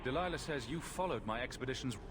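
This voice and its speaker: An actor playing a wry, confident adventurer in a fantasy video game, with a direct way of talking. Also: male voice, mid-range voice, expressive, fast talker, close to an everyday voice. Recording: clear background ambience noise.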